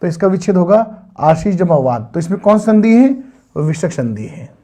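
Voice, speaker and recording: High-voiced man teaching grammar. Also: big pitch swings, normal speed, warm tone. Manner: patient, repetitive quizzing of students. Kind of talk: online Hindi grammar lesson.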